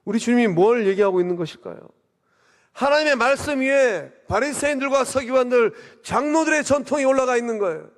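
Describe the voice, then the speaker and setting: A man's voice: extremely high pitch, expressive, a little fast. A man preaching a sermon as a pastor, asking rhetorical questions and swelling up to emphasize his points. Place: church sanctuary. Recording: long reverb of a church hall.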